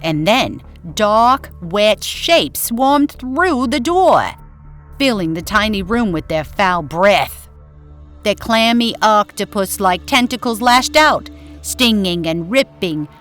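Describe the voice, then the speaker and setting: Her mid-range voice a little bright, a woman delivers old-time-radio-style horror narration from a script, lingering dramatically over the descriptive words.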